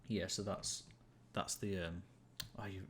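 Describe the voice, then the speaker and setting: A young man games on stream and chats casually with viewers, rambling, amused at himself, and full of fillers and restarts. His low voice moves little in pitch, is slightly bright, and keeps a measured pace.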